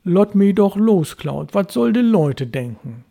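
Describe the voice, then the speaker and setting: A man voicing a bashful young fisherman's wife who speaks Low dialect. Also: sing-song, a little slow, creaky, warm tone, heavily acted. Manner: bashful, flustered.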